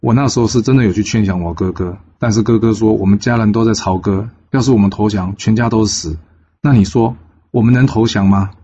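A man's voice: fairly low pitch, brisk, mellow, lo-fi sound, a little hiss or hum, close to an everyday voice. A man voicing a gullible, easily swayed young general in a storybook tale.

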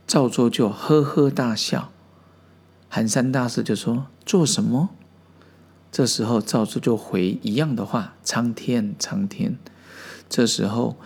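A man hosting a podcast, calmly explaining old Zen stories and briefly acting out the quoted exchanges. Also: medium pitch, slightly rough. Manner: unhurried, acts out quoted exchanges in small voices. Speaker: podcast host.

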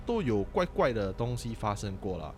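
一位新加坡口音的年轻男子，用夹杂英文的华语随意地讲鬼故事。. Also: male voice, lowish voice, normal speed, over music. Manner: animated, mixes English words into Mandarin. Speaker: podcast guest storyteller. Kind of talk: casual ghost-story chat.

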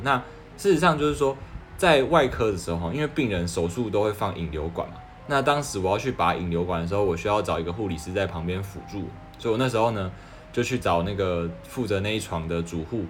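A young man talks casually as a doctor passing on advice. His voice sits fairly low. He keeps asking rhetorical questions and often restarts his sentences, while faint music plays underneath. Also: expressive, fast talker. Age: 20s. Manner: earnest and persuasive, asks rhetorical questions, frequent restarts.

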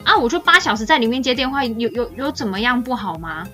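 A woman co-hosts a podcast and tells stories in casual, rambling chat. Her voice is bright and a bit high, and she talks very fast. She acts out what others said as she goes. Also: faint music behind. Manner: animated, rambling, acts out quoted dialogue.

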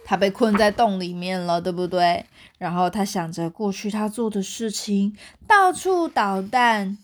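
A young woman with a Taiwanese Mandarin accent reading a picture book aloud to her child at bedtime, in an animated storytelling way. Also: mid-range voice.

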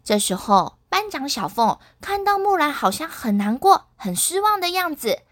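A woman narrating a children's story in an animated way, speaking directly to the children. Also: high voice, moderate pace, dry recording, clean studio sound.

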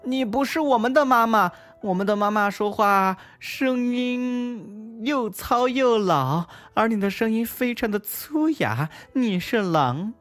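Shrill sassy little goat kids. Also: male voice, animated, slow, few pauses, fairly bright tone, faint music behind, heavily acted. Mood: defiant. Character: chorus of defiant little kid goats.

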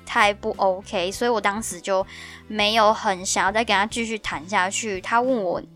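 A young woman in her twenties with a Taiwanese Mandarin accent, hosting a casual podcast and telling stories in an animated, exclamatory way. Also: mid-range voice, normal speed, faint music behind. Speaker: podcast host.

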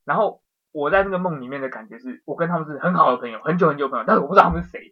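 A man tells a dream in a rapid, excitable rush that tumbles from one scene to the next. His voice sits on the high side. The recording sounds dull and lo-fi, like a home podcast. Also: breathy edge. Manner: excitable storytelling, rapid, swears casually. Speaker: podcast co-host. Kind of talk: casual chat, telling a dream.

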